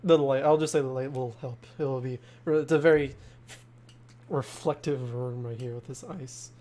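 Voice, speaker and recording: A man narrating a tabletop game as game master, describing scenes in a halting way full of fillers. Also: medium pitch, steady tone, dark tone.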